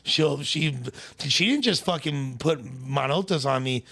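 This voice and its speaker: Crude, argumentative podcast co-host. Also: male voice, on the high side, measured pace, vocal fry, sharp tone, husky. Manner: argumentative, crude, repeats himself. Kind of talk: casual podcast banter.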